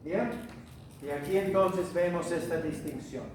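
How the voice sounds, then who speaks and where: Male missionary preacher, high voice, slow teacherly delivery, distant echoey hall recording. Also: noisy background. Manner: teacherly, asks the audience questions, many hesitations. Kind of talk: church Bible teaching. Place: church hall.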